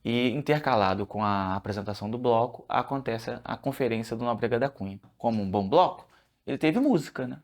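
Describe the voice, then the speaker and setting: A man's voice: mid-range voice, expressive, a little fast. A man speaking as a researcher in a documentary interview, explaining at length with frequent restarts.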